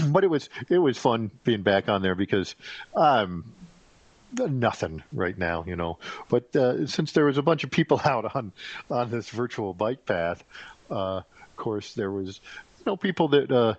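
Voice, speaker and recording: A middle-aged man talking in a casual, rambling solo monologue, halting often with fillers and restarts. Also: mid-range voice, big pitch swings, no echo. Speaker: podcast host rambling solo. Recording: dull, dry lo-fi recording.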